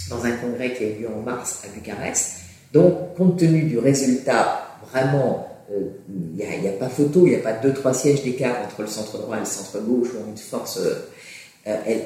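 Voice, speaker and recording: A man's voice: mid-range voice, warm tone. A man giving a political analysis in an interview, with many fillers and restarts. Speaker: political commentator. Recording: echoey, distant from mic.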